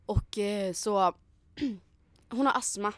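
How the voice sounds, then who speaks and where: A woman's voice: medium pitch, no room sound. A young woman from Sweden in casual chat, retelling a night out with acted quotes and lots of fillers. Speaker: storyteller in a chat.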